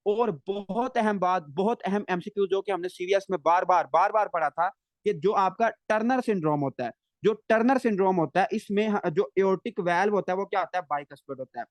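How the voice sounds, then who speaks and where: High-voiced man drilling students in a lecture. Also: dry recording. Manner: repeats questions and answers them himself, drilling students; stretches key English terms slowly. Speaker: medical lecturer. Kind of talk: live online lecture with question-and-answer drilling.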